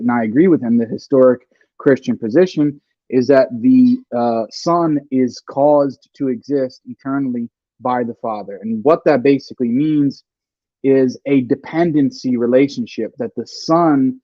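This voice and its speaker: There's no room sound on this dull, lo-fi recording of a male podcast host talking through a home computer mic on a stream. His voice sits in the middle range, and he explains a concept gradually in relaxed chat, leaning heavily on fillers.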